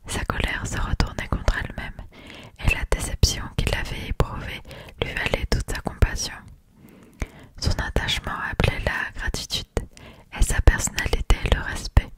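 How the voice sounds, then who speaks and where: ASMR whisper, soft, unvoiced, scripted reading, classic novel, audiobook-style narrator.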